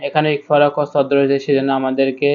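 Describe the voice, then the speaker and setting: A man leads a recitation lesson, breaking each word into syllables before chanting the verses slowly. His speaking voice stays level and even. The recording sounds a bit muffled and lo-fi. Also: mid-range voice. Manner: spells syllables letter by letter, patient instruction. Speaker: Quran reading teacher.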